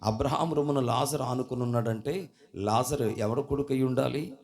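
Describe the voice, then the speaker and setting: A man preaching a sermon at a church service. He keeps questioning the congregation and calling for responses, and his voice swings suddenly between loud and soft. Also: medium pitch, a little fast.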